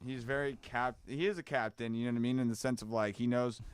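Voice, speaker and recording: A man's voice: mid-range voice, fairly even intonation, fast, clear, resonant tone, dry recording. A man hosting a casual football podcast, rambling loosely with restarts and asking "you know what I mean?". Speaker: podcast host.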